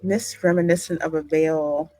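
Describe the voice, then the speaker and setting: Over background music, a gaming channel host reads a story game slowly and reacts in spoken asides. She has a low, mellow voice with fairly even intonation, captured in a rough recording.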